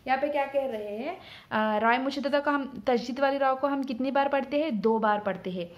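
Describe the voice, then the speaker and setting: A woman teaching rules of Quranic letter sounds, explaining patiently and repeating each point, drawing out sound examples slowly. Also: high voice, highs cut off. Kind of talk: Quran recitation rules lesson.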